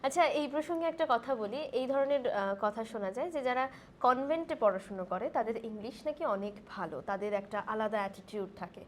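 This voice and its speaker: A woman interviewer with a high voice asks questions in a local news interview. She listens attentively and builds her questions slowly, with hesitant fillers along the way. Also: lively intonation, a little hiss or hum.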